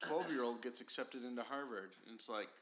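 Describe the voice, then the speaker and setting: A male host chatting casually, telling animated stories and laughing often. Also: medium pitch, a little fast, over a noisy crowd. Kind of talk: casual chat.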